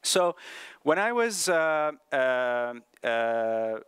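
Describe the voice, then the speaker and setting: A middle-aged man from Palestine gives a talk at a medical conference, pausing often on fillers and restarting his sentences. His voice is smooth and resonant at an ordinary pitch. He is captured on a close, dry microphone with almost no room sound. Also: very animated, fairly bright tone, dry recording. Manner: halting, many fillers and restarts. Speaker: pediatrician presenting at a medical conference. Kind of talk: conference presentation.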